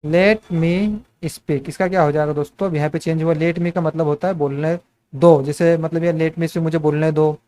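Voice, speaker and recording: A man with a fairly high voice teaches spoken English, explaining each sentence in Hindi. He keeps asking what a line will become and calls his viewers friends as he steps through examples. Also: level tone, moderate pace, warm tone. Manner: repetitive questioning, addresses viewers as friends.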